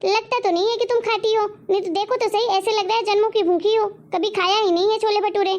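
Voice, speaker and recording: A woman's voice: very high voice, fairly even intonation, quick pace. A woman playing a harsh, stingy mother-in-law who scolds and taunts her daughter-in-law in a homemade family drama. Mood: mocking. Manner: scolding, taunting, repeats demands. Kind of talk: homemade web-drama acting.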